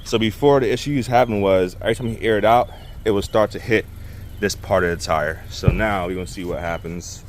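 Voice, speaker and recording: A man's voice: fairly low pitch, fairly quick, slight background noise. A man casually narrating a car job for his shop vlog, laid-back and slangy, recorded outdoors on the camera mic.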